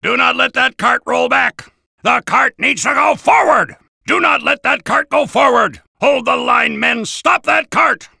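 An actor playing a gung-ho, belligerent American army soldier in a video game, barking bombastic orders and insults in a raspy, gravelly shout. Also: male voice, very high voice, unhurried, dry recording, studio quality, full character voice.

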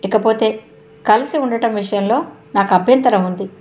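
A woman reading the part of a gentle, steady man in a calm, measured way. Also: mid-range voice, natural voice.

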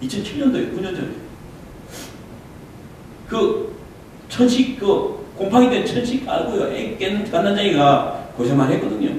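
Middle-aged male pastor, high lively voice, preaching from afar in a roomy church hall with faint hiss. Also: moderate pace, pauses often, far from the mic. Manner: swings from low confiding tones to loud impassioned preaching; asks the congregation rhetorical questions. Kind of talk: revival sermon with personal testimony. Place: church sanctuary.

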